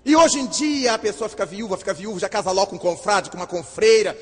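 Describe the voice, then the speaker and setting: A man giving a humorous storytelling lecture at a spiritist gathering, lively and self-mocking, acting out the dialogue. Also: sits high, fast talker, slightly rough. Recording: long reverb in a hall.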